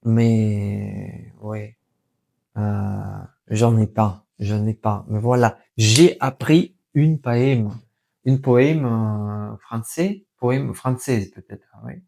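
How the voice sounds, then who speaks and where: Slow-talking man with a Russian accent in French. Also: lowish voice, gravelly, dark tone. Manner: halting, searching for words and correcting himself in non-native French. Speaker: vlogger and language learner. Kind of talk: casual unscripted vlog talk.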